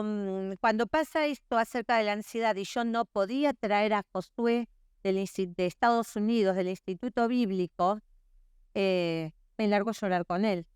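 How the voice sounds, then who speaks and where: A woman's voice: a little high, clear, resonant tone, dry recording, studio quality. A middle-aged woman, preaching earnestly at a women's conference and often checking in with her listeners. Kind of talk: sermon.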